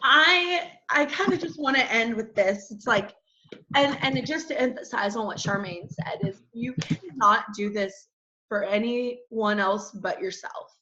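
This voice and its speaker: A woman's voice: fairly high pitch, a little slow, bright, forceful tone, highs cut off. A woman coaching her team on a casual video call, chatty and full of "like" and little asides to the group.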